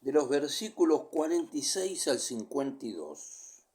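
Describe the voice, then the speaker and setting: Working through scripture verse by verse, this preacher explains each passage at a measured pace. His medium-pitched voice is very animated, ranging from booming calls down to almost a whisper.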